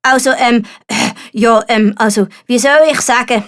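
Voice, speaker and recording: A bumbling storybook knight, put on by a woman, pitched high and eager. He sounds pompous yet hesitant, a would-be hero. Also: fairly even intonation, a little slow, natural voice. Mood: nervously pompous. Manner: hesitant, throat-clearing, pompous. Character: eager, bumbling, self-proclaimed heroic young male knight. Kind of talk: storybook character voice.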